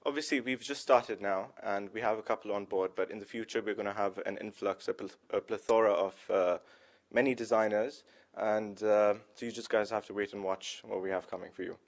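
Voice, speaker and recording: Lower-voiced young man, measured answers. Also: steady tone. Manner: measured, with occasional "uh". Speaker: e-boutique co-founder. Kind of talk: interview answers.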